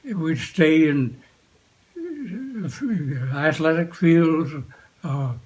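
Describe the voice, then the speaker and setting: Very slow, halting elderly veteran man remembering. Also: on the high side, expressive, a little mellow, low-quality recording. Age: 80s or older. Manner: old veteran remembering, halting short phrases with long pauses. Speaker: war veteran being interviewed. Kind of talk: unscripted reminiscence, recalling the past.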